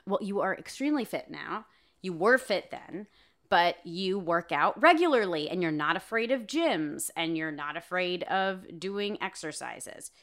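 A woman co-hosting a podcast, chatting casually and teasing her husband in an excitable, animated way. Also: on the low side, unhurried. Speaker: podcast co-host.

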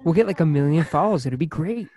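A man's voice: fairly high pitch, expressive, fast, a crowd in the background. A man co-hosting a music podcast, teasing the others playfully and restarting his sentences in casual chat. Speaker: podcast co-host.

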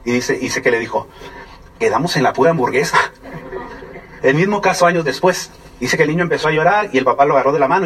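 Fast-talking husky Mexican man. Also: on the high side, fairly bright tone. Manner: conversational, keeps asking the audience questions. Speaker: speaker giving a testimony. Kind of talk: storytelling talk to an audience. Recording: voice from far off the mic.

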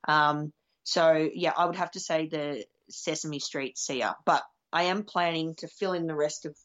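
Low-voiced woman rambling on a podcast. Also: steady tone, measured pace, a bit bright, dull audio. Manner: rambling, with lots of fillers and swearing. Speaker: podcast co-host. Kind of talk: casual chat.

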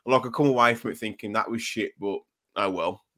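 A man's voice: lowish voice, brisk. Exasperated man hosting a football chat. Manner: swearing, exasperated, repeats words when excited. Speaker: podcast host. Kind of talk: casual football podcast chat.

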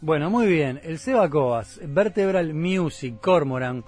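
A man's voice: on the high side, expressive, unhurried, darkish tone, faint music behind. A man hosting a radio show, moving things along with short, upbeat remarks. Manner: brief, upbeat interjections. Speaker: radio host. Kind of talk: radio interview talk.

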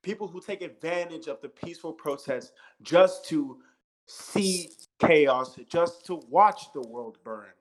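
A man's voice: fairly high pitch, measured pace, low-quality recording. A man in his thirties with an American accent, co-hosting a podcast discussion, talking emphatically, repeating himself and swearing freely. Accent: American English. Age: 30s. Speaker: podcast co-host. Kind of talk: impassioned casual discussion.

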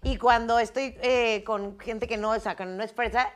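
A woman's voice: a little high, steady tone, normal speed. A woman with a Mexican Spanish accent in a casual comedy chat, telling stories animatedly and laughing often.

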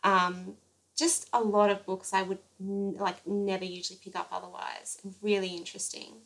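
A woman's voice: mid-range voice, flat delivery, moderate pace, gravelly, fairly bright tone. A young woman with a Queensland Australian accent, co-hosting a podcast in casual, chatty talk with plenty of fillers and laughter. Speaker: podcast co-host. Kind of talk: casual chat.

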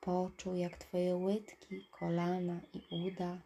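A woman narrating a guided relaxation in a soft, calm voice that trails into breathy whispers. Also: lowish voice, slow pace, slight background noise. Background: birdsong and nature ambience.

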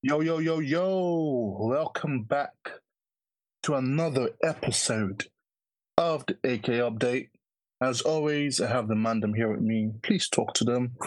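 A male podcast host speaks in a slangy urban London roadman accent. His pitch is average for a man and he chats casually, recorded dry without room echo. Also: a little slow.

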